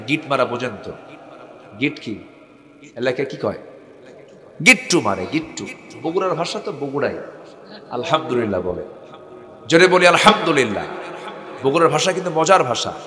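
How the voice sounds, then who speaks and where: Male Islamic preacher, northern Bangladeshi accent, fervent crowd-rousing delivery, ringing loudspeaker echo. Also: medium pitch, animated, moderate pace, long pauses. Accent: northern Bangladeshi (Bogura). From Bogura district, Bangladesh. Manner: impassioned, swinging from soft to shouted, teasing the crowd. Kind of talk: waz sermon with crowd call-and-response. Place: religious gathering to a live crowd. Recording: echoey loudspeaker sound with long reverb.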